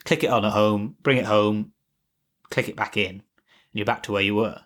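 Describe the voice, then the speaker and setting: A podcast co-host chats casually about tech, rambling with lots of fillers and restarts. His voice is fairly low and fairly bright, with fairly even intonation and a normal speed.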